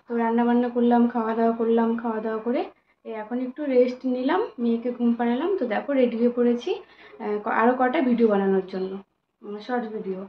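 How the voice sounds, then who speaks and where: A young woman with a fairly high voice talks viewers through her cooking and chores in an easy, chatty way. She speaks from her home kitchen, and the recording sounds a little dull and lo-fi. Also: steady tone, quick pace, slight background noise. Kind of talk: casual chat to viewers.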